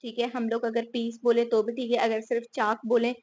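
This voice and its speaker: Speaking a little fast in a monotone, a Pakistani woman with a voice on the high side and a darkish tone lectures casually on English grammar. Rhetorical questions and a steady stream of "theek hai" punctuate her explanations.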